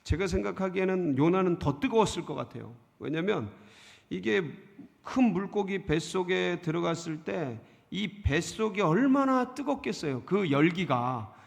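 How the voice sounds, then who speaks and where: A middle-aged male pastor preaching a sermon, asking the congregation questions and answering them himself, dramatic and expressive. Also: moderate pace, vocal fry. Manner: dramatic, acts out emotions with sudden pitch jumps. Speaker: senior pastor. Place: church sanctuary. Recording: church sanctuary with long reverb.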